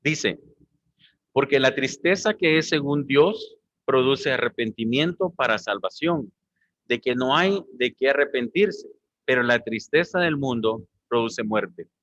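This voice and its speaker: A man's voice: mid-range voice, measured pace, fairly bright tone, dry recording, lo-fi sound. A man preaching a sermon as pastor, often calling his listeners brothers. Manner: preaching, addressing the congregation as brothers.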